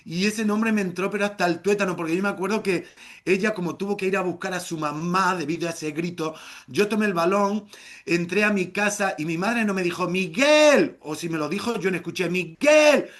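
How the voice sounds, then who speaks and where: A middle-aged man spins a comic tale for a live audience, his voice sitting high for a man. He tells it playfully and bursts into theatrical shouted exclamations. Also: brisk. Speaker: storyteller. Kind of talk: live oral storytelling.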